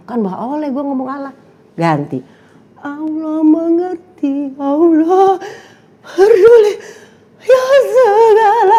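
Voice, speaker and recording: A woman's voice: on the low side, warm tone. A young woman telling her story in casual chat, acting out quotes and laughing often. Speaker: guest sharing testimony.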